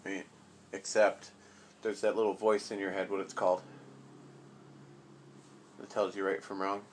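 A man's voice: low-pitched, flat delivery, measured pace, slight background noise. A man chatting casually with his child as her father, asking playful, probing questions. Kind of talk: casual chat.

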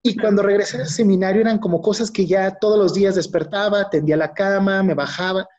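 A man with a Mexican accent talks through memories in a relaxed interview, acting out the lines of people he quotes. His voice has a husky, breathy edge. The audio is dull and lo-fi. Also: high voice, brisk. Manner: anecdotal, acts out quoted dialogue, frequent "¿no?" tags. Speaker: guest, psychologist and yoga teacher. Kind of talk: casual interview conversation.

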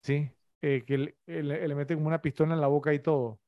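Opinionated man, higher voice, dry sound. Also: level tone, a little fast, no room sound, lo-fi sound. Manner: opinionated, questions the others. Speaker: podcast co-host. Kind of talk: casual film chat.

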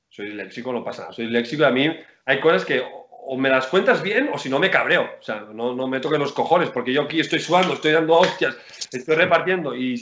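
A man, a basketball player chatting as a guest in an interview, animated, rambling and slangy. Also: a little high. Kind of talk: casual interview chat. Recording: roomy, dull lo-fi sound.

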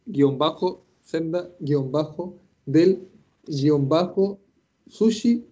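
A man's voice: a little high, drawn-out words, warm tone, breathy edge. Chatty man on a lo-fi call. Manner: chatty, repeats himself, encouraging. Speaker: host and Japanese teacher. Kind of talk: casual online class.

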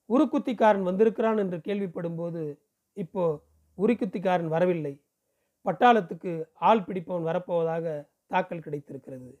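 High-voiced male audiobook reader. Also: highs cut off. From Pondicherry, India. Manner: steady storytelling delivery. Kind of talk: reading a novel aloud.

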